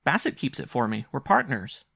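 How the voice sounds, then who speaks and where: A man's voice: mid-range voice, sing-song, moderate pace, creaky, bright, forceful tone, husky, no echo, clean studio sound, pitched above the performer's own voice, exaggerated voice. A man voicing an earnest, intense young boy in a story, speaking in a grave, insistent, polite way.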